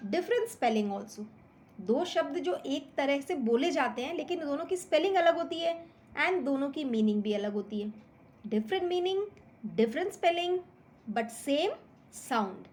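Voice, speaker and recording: A woman's voice: high voice, a little mellow, slight background noise. A woman with an Indian accent teaching English words to children, mixing Hindi and English and spelling words out letter by letter. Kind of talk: classroom-style grammar lesson.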